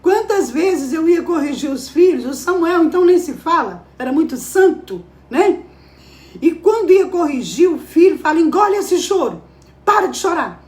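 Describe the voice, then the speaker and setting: A woman's voice: extremely high pitch, expressive, normal speed, warm tone, roomy sound. A woman giving a devotional sermon, emphatic and full of rhetorical questions to her listeners. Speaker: preacher. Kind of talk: devotional preaching.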